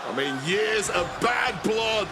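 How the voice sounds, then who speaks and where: Male wrestling commentator, very high raised voice, dramatic emphatic calls, roaring crowd behind. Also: animated, slow, over loud music. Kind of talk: excited play-by-play and color commentary on a wrestling match. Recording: loud crowd noise behind. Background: roaring arena crowd, slams.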